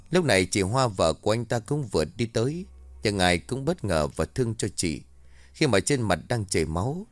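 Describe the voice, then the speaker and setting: A man narrating a Vietnamese folk ghost story, reading all the dialogue in a calm, even manner. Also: lowish voice, dry recording.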